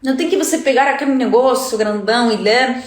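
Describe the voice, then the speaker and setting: A Uruguayan-accented woman with a high voice teaches Spanish in a chatty live-stream lesson. She keeps checking in with her listeners as she goes. Her voice bounces around a roomy, echoing space. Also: a little fast.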